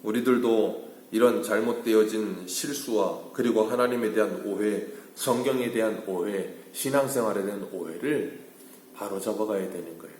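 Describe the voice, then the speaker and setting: Korean pastor preaching in echoey church. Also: male voice, normal speed. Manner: rises to emphatic peaks, then drops low and quiet. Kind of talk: early-morning sermon. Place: church sanctuary.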